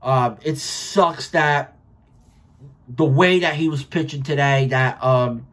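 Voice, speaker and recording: With a medium-pitched, slightly bright voice and a slow pace, an American man in his thirties reacts casually and bluntly to a game, swearing plenty. He's a sports vlogger and baseball fan from Rhode Island, recording on a webcam from a small furnished room at home.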